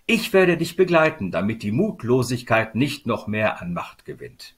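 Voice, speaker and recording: A man voicing a small, kind old woman in a storybook reading, gentle and comforting. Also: mid-range voice, very animated, moderate pace, breathy edge.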